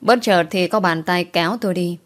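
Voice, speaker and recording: A woman's voice: on the low side, brisk. A woman narrating a first-person audio story in a wistful, emotional way.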